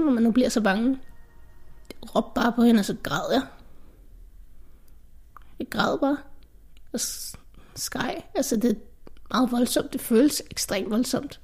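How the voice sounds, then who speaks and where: Soft-spoken teenage girl, halting and earnest. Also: on the high side. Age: teens. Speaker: interviewee recounting an anxiety attack. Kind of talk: personal testimony in a radio documentary.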